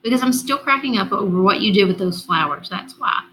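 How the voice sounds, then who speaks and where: A confident schoolgirl, friendly and direct, as a woman reads her in a storybook. The voice stays mid-pitched and close to the reader's own. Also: animated, fairly quick, slight background noise, close to an everyday voice, low-quality recording. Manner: warm, direct.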